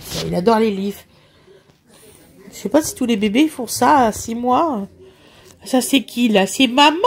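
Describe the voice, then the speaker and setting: Mom vlogger, high unhurried voice, sing-song with her baby. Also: gravelly, slightly rough. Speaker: vlogger, mother. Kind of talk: casual home vlog chat.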